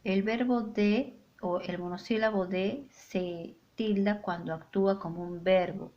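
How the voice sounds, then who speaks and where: A woman teacher explains a grammar lesson at an unhurried pace. She sets out each rule clearly and gives weight to her example sentences. The sound is a little dull and lo-fi. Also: medium pitch, fairly even intonation. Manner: slow, clear, deliberate delivery with stressed example sentences.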